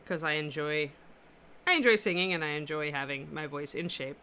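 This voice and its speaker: Hosting a miniature painting stream from her apartment, this woman chats informally and replies to viewers' comments while she paints. Her low voice is powerful and carries, moving at normal speed with a sharp tone, over a little hiss or hum.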